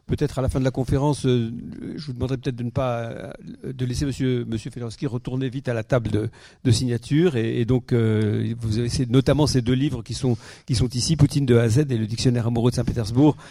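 A man moderating a lecture event, making rushed announcements and stumbling over his words. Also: mid-range voice, fairly even intonation, warm tone, no echo.

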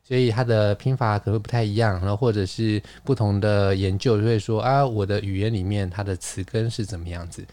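A man's voice: lowish voice, fairly even intonation, a little fast, few pauses, mellow, no echo. A man hosting a casual podcast, playful and chatty, explaining words at length with frequent laughs. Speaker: podcast host. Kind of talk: casual chat.

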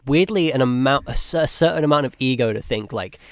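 An eighteen-year-old man co-hosts a podcast, chatting casually at a quick pace in a medium-pitched voice with no echo. He rambles, restarts often, and laughs frequently.

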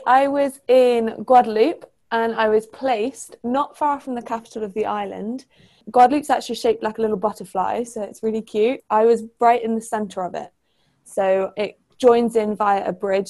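Young woman, mid-pitched voice, enthusiastic podcast guest describing stuff in a casual chat. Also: fairly even intonation, moderate pace, mellow. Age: young adult. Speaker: podcast guest, former language assistant.

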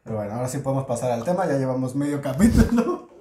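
A man chatting on a podcast, tossing in dry, teasing lines. His pitch moves up and down a lot. The room around him gives his voice a clear echo. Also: sing-song, very fast, dark tone, a little hiss or hum. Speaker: podcast co-host. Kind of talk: casual chat. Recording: echoey room.

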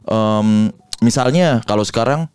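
A man's voice: medium pitch, measured pace, smooth, no room sound. A man in his thirties, a voice actor, chatting casually and playfully. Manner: playful, lively banter with slang. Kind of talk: casual podcast chat.

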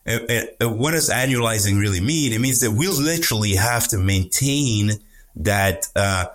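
A man speaking as an economics commentator on a podcast, halting and repeating words, often stressing points with a questioning "right?". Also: fairly low pitch, lively intonation, fairly bright tone.

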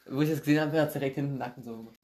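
A man's voice: medium pitch, steady tone, rapid-fire, darkish tone. A man hosting a casual podcast chat, laughing a lot and exclaiming often. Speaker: podcast host.

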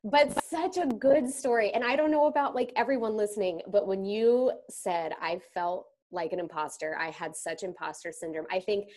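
A woman hosting a casual interview, talking in an effusive, chatty way. Her voice has a middling pitch, and she often jumps up in bursts of enthusiasm before settling back down. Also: normal speed, few pauses, a little mellow. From grew up in the rodeo world. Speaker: podcast host.

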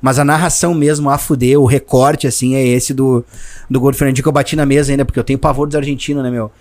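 A man with a southern Brazilian accent from Rio Grande do Sul, a sports narrator telling stories in an animated, slangy, emotional way during a casual podcast chat. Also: mid-range voice, quick pace. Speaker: sports radio narrator, guest.

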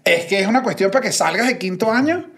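A man's voice: high voice, expressive, quick pace, fairly bright tone. A young man with a Venezuelan accent in a casual podcast chat, jokey and reflective.

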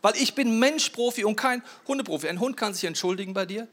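A man's voice: high voice, fast talker. A man preaching a sermon, playfully telling stories and speaking directly to his listeners. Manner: playful, animated storytelling that addresses listeners directly.

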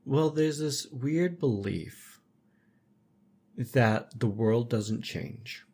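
A man hosts a podcast in a calm, reflective way, laying out his thoughts in short, measured statements. His voice is husky, with a slightly rough edge. It sits at an ordinary middle pitch for a man. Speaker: podcast host. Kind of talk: casual chat.

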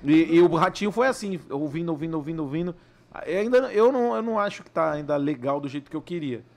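Relaxed, slangy male impressionist. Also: a little high, fast. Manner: relaxed, laughs easily, slangy. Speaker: impressionist comedian guest. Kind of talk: casual podcast chat.

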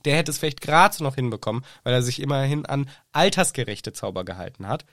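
A man's voice: mid-range voice, lively intonation, fast, fairly bright tone, dry recording, studio quality. A man voicing a smug, condescending older female headmistress, lecturing in a prim tone.

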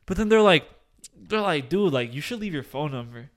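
A young man hosting a podcast, telling a long story in animated bursts, swearing and restarting his sentences, full of fillers. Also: on the high side, normal speed. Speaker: podcast host. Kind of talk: casual chat.

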